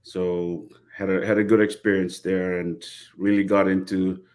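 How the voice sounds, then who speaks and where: A middle-aged man, a rugby coach speaking as a guest in a casual interview, measured and pausing as he talks over a video call. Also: deep voice, level tone, a little mellow. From Fiji.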